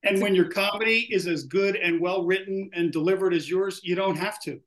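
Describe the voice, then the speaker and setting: A male co-host with a notably high-pitched voice, chatting easily with his guest. He is generous with compliments and laughs readily as he talks. His delivery stays conversational throughout. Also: fairly even intonation, fairly quick, a bit bright. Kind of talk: casual interview chat.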